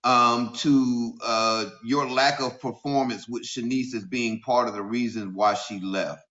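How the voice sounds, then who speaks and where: A middle-aged man hosting a live stream, questioning a guest in a halting, accusing way full of restarts. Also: mid-range voice, steady tone, pushed and bright. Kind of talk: confrontational questioning. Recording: muffled lo-fi audio.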